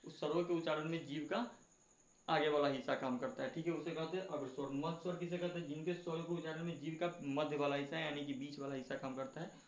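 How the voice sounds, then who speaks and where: Man, grammar teacher, fairly high voice, asks and answers his own questions, repeats points, echoey room. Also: fairly even intonation, quick pace. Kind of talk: online grammar lesson. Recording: echoey room, dull lo-fi sound.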